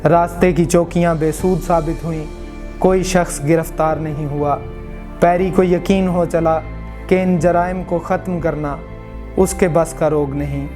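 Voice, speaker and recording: A man narrating a historical story in measured, formal literary Urdu. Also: a little high, fairly even intonation, over music. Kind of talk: scripted narration of a true crime history.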